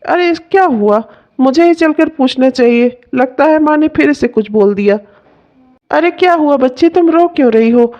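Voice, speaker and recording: A woman's voice: high-pitched, a little mellow, dull audio. A woman voicing a generous, protective elder brother-in-law in a cartoon, speaking in a coaxing, affectionate way. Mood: concerned. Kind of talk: cartoon voice acting.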